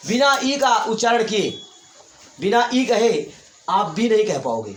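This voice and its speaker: A man's voice: high-pitched, sing-song, unhurried. A man teaching English grammar to a class, repeating points and quizzing his students. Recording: echoey room, faint hiss.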